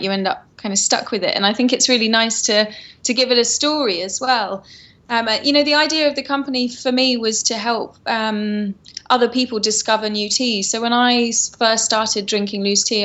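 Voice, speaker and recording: A woman's voice: fairly high pitch, fairly bright tone, dull audio. A woman from Surrey with a Home Counties English accent chats casually as an interview guest, explaining things in a loose, hedging way. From Surrey, England. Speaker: interview guest, tea company founder.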